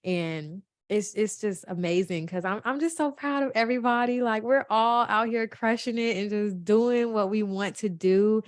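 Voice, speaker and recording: A woman's voice: medium pitch, moderate pace, few pauses, dry recording. A woman, talking in a heartfelt, emotional way, close to tears. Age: 20s. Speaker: podcast co-host. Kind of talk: casual chat.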